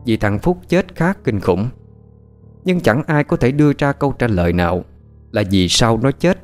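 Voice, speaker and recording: Lively low-voiced man telling horror tale. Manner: lively, dramatic storytelling. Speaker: storyteller. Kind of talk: scripted horror narration. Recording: faint music behind.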